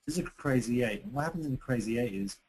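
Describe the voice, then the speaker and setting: A man's voice: medium pitch, animated, fast, darkish tone, slightly rough, low-quality recording. A man presenting a webinar lesson in a conversational way, with frequent fillers and restarts. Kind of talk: teaching on relationships. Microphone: computer microphone on a webinar.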